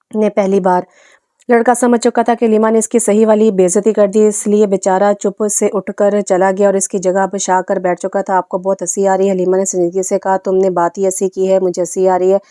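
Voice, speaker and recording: A woman reading a romance novel aloud, narrating and voicing every character in the same steady tone, with small slips and restarts. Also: medium pitch, no echo, studio quality. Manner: voices every character in her own voice.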